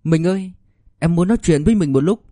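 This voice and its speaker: A man's voice: on the high side, quick pace, dark tone, no room sound, studio quality, pitched above the performer's own voice, close to an everyday voice. A man voicing an anguished young mother. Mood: pleading. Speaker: mother, wife of an officer.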